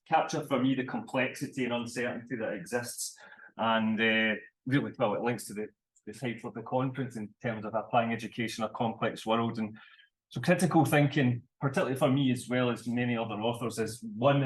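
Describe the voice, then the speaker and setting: A man presenting his research at a conference, deliberate and self-correcting as he speaks. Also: mid-range voice, steady tone, low-quality recording. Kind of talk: academic conference talk. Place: conference room.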